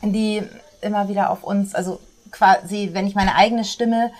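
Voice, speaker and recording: In an interview, a woman who writes and gives talks explains her models with energy, dropping into short acted quotes. Her voice sits in the mid range and her pace is moderate.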